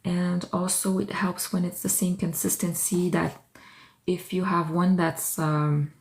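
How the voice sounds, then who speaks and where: This artist, a native French speaker, works in her studio on a livestream, casually calling out viewers by name and thinking out loud. Her lowish, darkish voice shows little pitch movement and keeps a measured pace.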